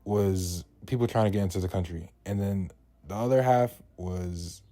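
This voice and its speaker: A young New York vlogger with a deep, dark-toned voice tells a casual storytime at a normal speed. He is laid-back, and his telling is profane and full of slang.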